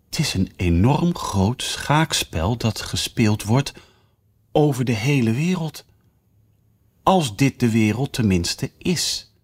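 A man's voice: medium pitch, expressive, slow pace, husky. A man voicing a curious, polite young girl who talks eagerly and with a lot of wonder.

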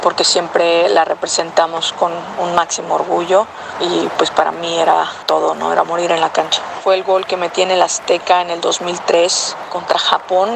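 A woman's voice: fairly low pitch, vocal fry. A woman, a former national team footballer, speaking proudly and measuredly, recorded outdoors in a city with street noise behind her. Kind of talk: reflective testimony.

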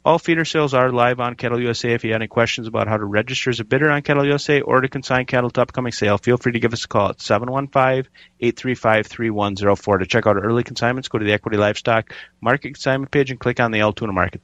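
Fast-talking male market reporter, dry muffled line, reads prices plainly. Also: mid-range voice, a bit bright, dry recording. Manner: brisk, matter-of-fact number reading.

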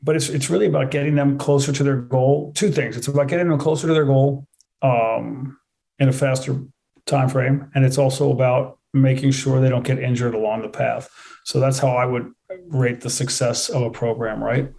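A man's voice: medium pitch, steady tone, moderate pace, creaky, mellow. A man giving conversational, matter-of-fact answers as a fitness trainer, repeating points for emphasis. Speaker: fitness trainer, interview guest. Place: remote video call.

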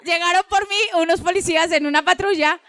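A woman with a Colombian accent telling a story on a live comedy podcast, animated and full of swearing, acting out the quotes. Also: very high voice, fast, a little hiss or hum. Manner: animated, profane, acts out quotes. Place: live show venue, Bogotá.

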